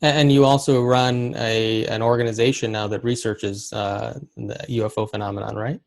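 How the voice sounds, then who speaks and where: A man's voice: medium pitch, level tone, normal speed, gravelly. A man hosting an interview show, speaking in an earnest, somewhat hesitant way with restarts. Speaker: host.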